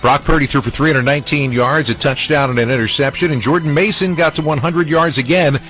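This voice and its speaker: High-voiced male sports radio host. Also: fairly quick, fairly bright tone. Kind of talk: scripted highlight-show narration. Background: music bed.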